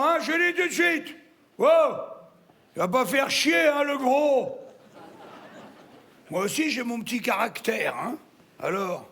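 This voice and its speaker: Man voicing a vulgar woman in her sixties, live stand-up character, very high voice, slow drawl, swearing, teasing the crowd. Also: creaky, a bit bright, exaggerated voice. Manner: crude, swearing, teasing the audience. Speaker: stand-up comedian. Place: theatre stage before a live audience.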